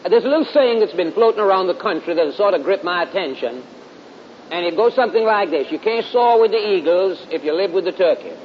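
A man's voice: animated, fast. A middle-aged man with a Southern US accent preaching in a folksy, drawling storytelling style, repeating phrases for emphasis. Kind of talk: storytelling sermon. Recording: dull lo-fi recording with clear rumbling hiss.

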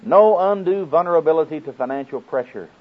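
A man's voice: fairly high pitch, expressive, fairly quick. A man with an Oklahoma accent preaching a folksy sermon, quoting scripture and putting questions to his listeners. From Oklahoma, United States. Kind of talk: sermon teaching with scripture quotations. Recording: muffled, narrow phone-like sound.

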